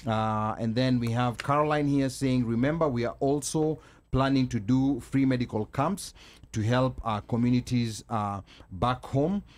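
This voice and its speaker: A man with a Kenyan accent and a medium-pitched voice hosts a live call-in show. His delivery is halting, with many ums and small pauses as he addresses the audience. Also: a little mellow. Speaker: talk show host.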